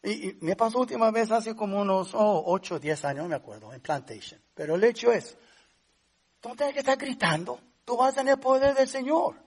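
A man's voice: high voice, expressive, a little fast, slightly rough. A man preaching a conversational sermon as pastor, rising to emphatic points now and then.

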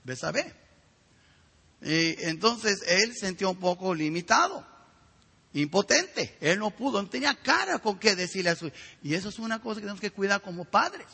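A middle-aged male pastor preaching a sermon with a raspy, gravelly voice and emphatic rhetorical questions. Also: high voice, lively intonation, moderate pace, bright, forceful tone. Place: church sanctuary. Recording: reverberant hall.

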